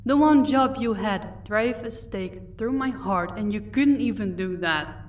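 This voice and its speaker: In an audio roleplay addressed directly to the listener, a woman performs as a commanding female vampire who is married lady of an estate, mocking and scornful yet composed. Her medium-pitched voice is unhurried and natural. The mic is distant, with faint noise behind her.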